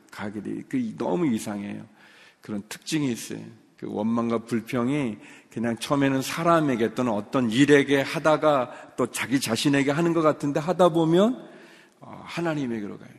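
A man preaches a sermon in a church sanctuary, his voice gravelly with a mid-range pitch. He tells a story in an easy, conversational way, then builds to emphatic high points. A long reverb from the large hall trails behind each phrase. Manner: storytelling, rising to emphatic peaks. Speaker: pastor.

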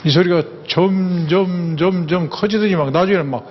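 A man's voice: high-pitched, moderate pace. An older man giving a humorous lecture, folksy and anecdotal, repeating words for emphasis. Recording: echoey hall, dull sound, faint ambience.

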